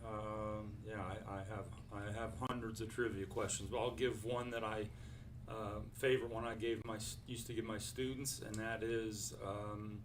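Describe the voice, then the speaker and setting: An older man from Ohio, a basketball coach answering interview questions in a halting way, with many fillers and restarts. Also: lowish voice, flat delivery, a little hiss or hum. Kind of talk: casual interview.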